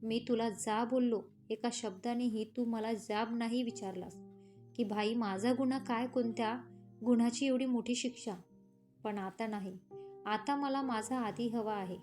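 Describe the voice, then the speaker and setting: A woman's voice: on the high side, steady tone, a little slow, darkish tone, faint music behind, lightly acted. A woman doing a remorseful pleading elder brother. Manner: pleading, apologetic.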